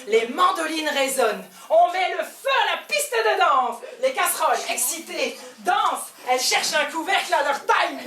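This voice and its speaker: A woman with a Belgian French accent performing a theatrical stand-up monologue on stage, swinging between loud outbursts and hushed asides. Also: sits high, animated, normal speed, few pauses. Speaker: comedian. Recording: echoey hall, voice from far off, faint ambience.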